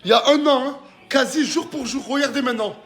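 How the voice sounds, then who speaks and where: High-voiced man talking street slang. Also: fast talker. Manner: French suburban street slang, excitable and familiar. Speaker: vlogger and product promoter. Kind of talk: casual vlog chat and product pitch.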